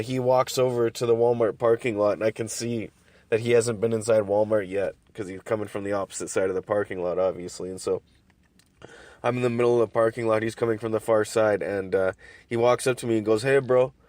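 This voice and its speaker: Male host, casual rambling monologue full of swearing and fillers, mid-pitched voice, dry car recording. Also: a little mellow, no echo. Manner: rambling, profane, many restarts and fillers. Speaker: podcast host. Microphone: sitting in his car.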